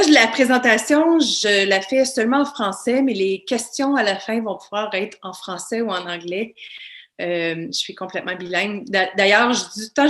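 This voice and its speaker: A woman's voice: fairly high pitch, a bit bright. A woman, a veteran giving a casual online presentation full of fillers and restarts over a video call. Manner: anecdotal, many fillers and restarts.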